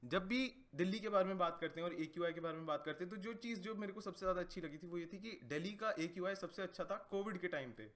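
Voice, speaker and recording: A high-pitched man rattles through crude comedy bits. He talks in an animated way and keeps slipping into put-on voices between jokes. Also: fast talker, few pauses. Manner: crude, animated, slips into impressions. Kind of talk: stand-up style comedy bits.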